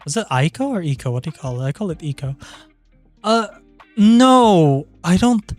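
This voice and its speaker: A man's voice: a little high, expressive, fast talker, no echo. A man chatting casually on a livestream in an informal, sweary, rambling way. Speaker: streamer. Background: background music.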